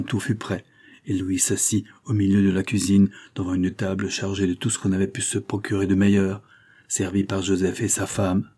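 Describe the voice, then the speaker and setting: A man reading a classic novel aloud in measured, even storytelling narration. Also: low-pitched, breathy edge. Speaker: audiobook reader.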